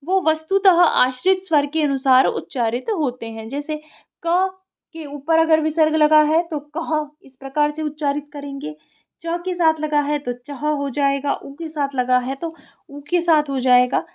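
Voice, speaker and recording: A woman teaching an exam revision lecture on Sanskrit grammar, reciting rules slowly and then explaining them plainly. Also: high voice, darkish tone.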